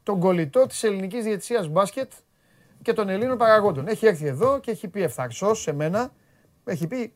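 A man's voice: high-pitched, expressive. A man hosting a sports talk show, teasing his co-host and bossing the studio crew in playful banter. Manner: teasing, bossy, directs the crew.

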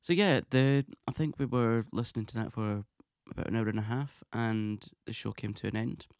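A man hosting his own podcast, talking in a chatty, excitable way and laughing often. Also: fairly low pitch, moderate pace, dry recording, clean studio sound. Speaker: podcast host. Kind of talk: casual monologue podcast.

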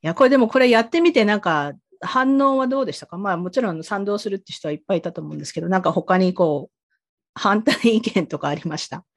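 Woman podcast host, chatty, rambling asides, lots of "mm-hm" back-channeling, mid-pitched. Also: fast. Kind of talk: casual podcast chat.

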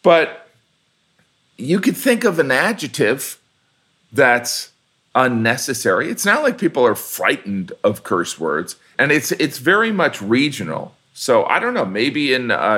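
Brief: Midwestern man, comedian guest, expressive swooping delivery, mid-range voice. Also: mid-range voice, unhurried. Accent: Midwestern American. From Indiana. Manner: animated storyteller, shifting into voices for quotes. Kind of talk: casual conversation.

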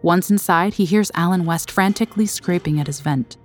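Female documentary narrator, low register, measured dramatic read, faint score underneath. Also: soft background music. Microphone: studio voice-over.

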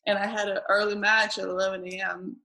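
A woman tennis player in casual conversation, talking haltingly with frequent restarts and repeated words. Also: medium pitch, flat delivery, pushed and bright, rough recording.

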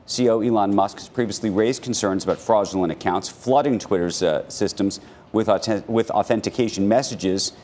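An American man co-anchoring financial news, reading rapid market news in a brisk, factual way from the desk. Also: lowish voice, a little mellow.

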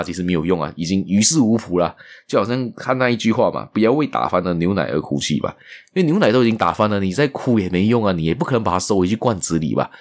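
A man telling a moral story in a casual, unhurried way, often repeating words and trailing off with particles. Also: low-pitched.

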